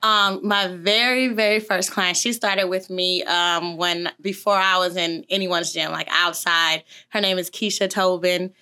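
A woman's voice: lowish voice, steady tone, unhurried, few pauses, sharp tone. A woman in her thirties, a gym owner and trainer, talking about her business in a chatty, upbeat way full of "um"s and "like"s. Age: 30s. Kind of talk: casual interview.

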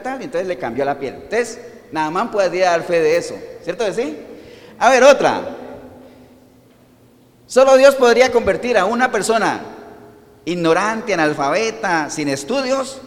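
A man preaching a sermon who keeps asking his congregation questions and waits for their answers. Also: high voice. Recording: long reverb in a hall.

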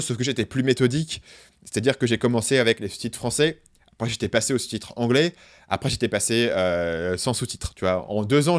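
A man speaking in an easygoing conversational way. He restarts phrases and leans on fillers while he works out his explanation. His voice sits at an ordinary middle pitch. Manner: hesitant, repeats words, many fillers. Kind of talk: casual conversation.

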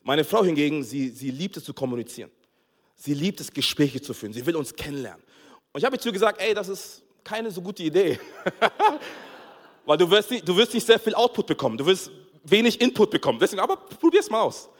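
A man preaching a sermon as pastor, telling a funny family story with lively acted-out dialogue and frequent laughter. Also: high voice, a little fast. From Togo. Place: church hall. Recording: long hall reverb.

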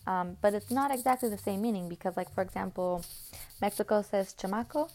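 Woman rambling on her own podcast, casual and chatty, mid-pitch voice. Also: fairly quick, dark tone. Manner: chatty and rambling, many ums and restarts. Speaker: podcast host.

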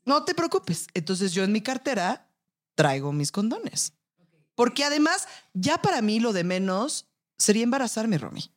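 Host: Mexican woman, frank and conversational, with a very lively, swinging pitch. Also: normal speed. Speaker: podcast host. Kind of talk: casual chat.

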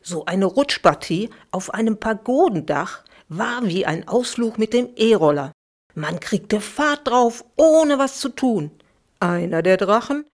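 A middle-aged woman, a children's author, reading her own bedtime story aloud for a podcast in a lively, expressive way. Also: medium pitch.

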